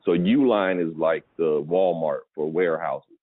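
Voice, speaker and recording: A deep male voice, a little slow, comes through narrow phone-like audio without echo. He's a pallet business coach talking casually with a caller and keeps asking whether they follow.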